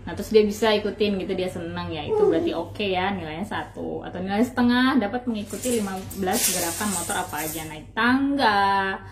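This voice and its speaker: A woman's voice: medium pitch, expressive, fairly quick, background noise. Chatty woman explaining child development. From Indonesia. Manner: chatty, loose explaining with fillers and acted-out examples. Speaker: parenting channel host. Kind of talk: casual instructional talk.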